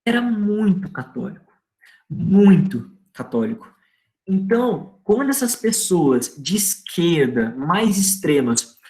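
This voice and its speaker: A history teacher with a Brazilian accent giving a casual lecture, speaking in an informal, slangy way and asking students rhetorical questions. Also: mid-range voice. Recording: echoey room.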